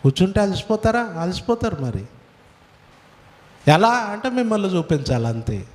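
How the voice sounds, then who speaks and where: A man's voice: high voice, sing-song, normal speed, darkish tone. A male pastor preaching a sermon, from India, firing rhetorical questions at his congregation. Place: church hall. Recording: echoey hall, voice from far off.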